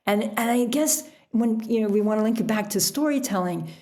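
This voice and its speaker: Speaking as a podcast guest, the author and sailor sounds brisk, her voice pitched on the high side with a dark tone. She talks in a casual, reflective way, often chuckling.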